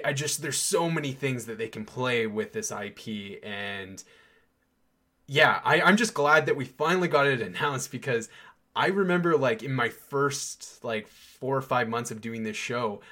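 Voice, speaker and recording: A man's voice: medium pitch, pushed and bright. A young man hosting a podcast, chatting casually and enthusiastically, with many fillers and restarts. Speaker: podcast host. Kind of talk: casual chat.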